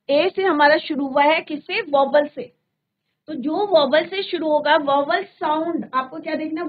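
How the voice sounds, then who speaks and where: A woman teaching a classroom grammar lesson, mixing Hindi and English and often asking the class to confirm they follow. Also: very high-pitched. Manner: asks frequent checking questions. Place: classroom studio. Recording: phone-like narrow band.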